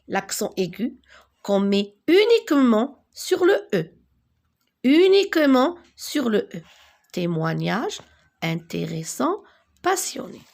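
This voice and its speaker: Slow gravelly woman teaching a lesson. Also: medium pitch. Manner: slow, deliberate, repeats key words for emphasis. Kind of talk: French spelling lesson.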